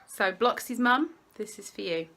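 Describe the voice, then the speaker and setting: A woman's voice: medium pitch, animated, normal speed, bright, forceful tone. A woman chatting casually to her phone camera at home, rambling and breaking off mid-thought. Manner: rambling, chatty, self-interrupting. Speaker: vlogger. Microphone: phone camera clipped on a window ledge.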